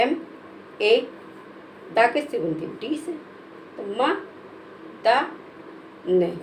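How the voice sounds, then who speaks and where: A woman teacher, spelling out words letter by letter in a slow, patient lesson for children. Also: fairly high pitch, slight background noise, low-quality recording. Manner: patient, spells letters one by one, calls listeners "beta".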